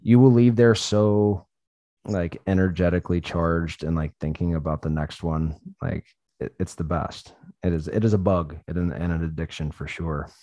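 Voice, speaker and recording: A man's voice: low voice, fairly even intonation, moderate pace, mellow, no echo. A man telling stories in casual chat, loose and profane, laughing often as he talks.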